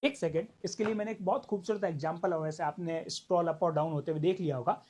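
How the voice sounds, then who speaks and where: A man teaching an online law class, animated, acting out small dialogues and stretching key words for emphasis. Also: a little high, fast talker, slight background noise. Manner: animated, acts out little dialogues. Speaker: law lecturer for exam prep.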